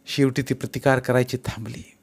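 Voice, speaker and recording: A man reads a short story aloud at a mid pitch. His delivery is steady and expressive, and he keeps the narration moving. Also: brisk, husky. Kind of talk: storytelling reading.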